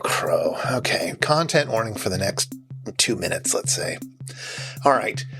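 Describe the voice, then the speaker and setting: A man co-hosts a film podcast with a wry, informal manner. His medium-pitched voice is animated and gravelly, with music clearly behind it. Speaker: podcast co-host. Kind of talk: film trivia commentary.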